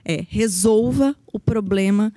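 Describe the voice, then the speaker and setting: A federal public defender from Brazil's Paraná region appears as a podcast guest, earnestly explaining her work with frequent hesitations. Her voice is mid-range and dark, she speaks slowly, and there is no echo.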